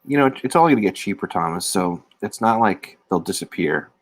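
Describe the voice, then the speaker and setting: Male streamer, casual chat, slightly low voice, dry close recording. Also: lively intonation, a little fast, no room sound. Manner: rambling, self-deprecating, talks to chat viewers. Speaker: livestream host. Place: indoor room. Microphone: phone or laptop camera mic.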